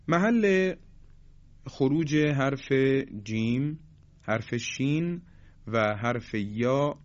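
Calm man teaching pronunciation, dull audio. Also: mid-range voice, no room sound. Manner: explains calmly and slowly, then voices each sound forcefully. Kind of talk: instructional explanation with demonstrations.

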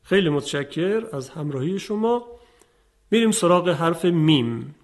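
A man teaching a tajweed lesson, calmly explaining and demonstrating letter sounds. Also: on the high side. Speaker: Quran recitation teacher.

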